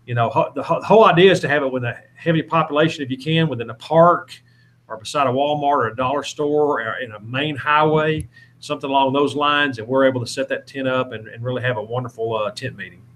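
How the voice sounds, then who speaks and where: Speaking at a medium pitch and a quick pace, a man with a somewhat bright voice comes through with a little hiss or hum. He's an evangelist from the American South, Alabama specifically, giving an earnest, casual interview that turns preachy, full of exhortation and repetition.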